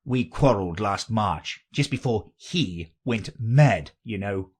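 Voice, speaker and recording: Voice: medium pitch, lively intonation, takes it slowly, slightly rough. A reader voicing an eccentric, mournful and argumentative storybook man who explains himself in a theatrical, insistent manner.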